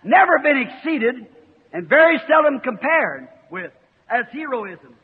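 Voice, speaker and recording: A man preaching a fiery sermon, emphatic and bursting into shouts, on an old tinny archive recording in a reverberant hall. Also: very high voice, very animated, takes it slowly, breathy edge.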